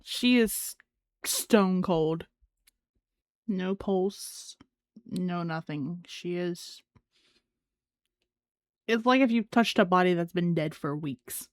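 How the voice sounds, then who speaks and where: A woman's voice: fairly low pitch, slow pace, long pauses, no echo. A woman running a tabletop game as game master, narrating in a casual, loose way. Her voice sits close and dry on the mic with no room sound.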